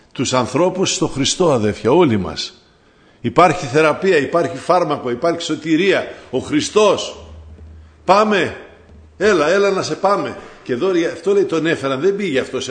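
A man preaching a sermon, addressing his listeners as brothers, fervent and rising to loud cries when he quotes. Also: medium pitch.

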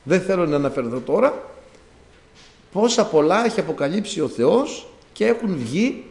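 A man preaching a sermon, retelling a Bible story in an animated way and acting out the characters' words. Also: sits high. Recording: echoey room.

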